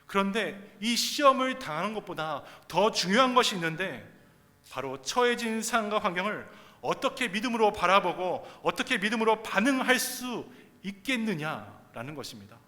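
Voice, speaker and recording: A man, the senior pastor of a church, preaching a sermon in a dramatic style that slows and softens for quoted lines, in a church sanctuary. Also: sits high, very animated, big-room sound.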